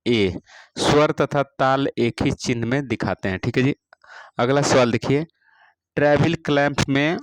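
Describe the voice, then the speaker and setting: A man teaching music, reading out practice exam questions and their answers one by one, repeating each question and adding a steady "all right" after each answer. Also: medium pitch, dry recording, low-quality recording. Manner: repeats each question, fills with "theek hai ji".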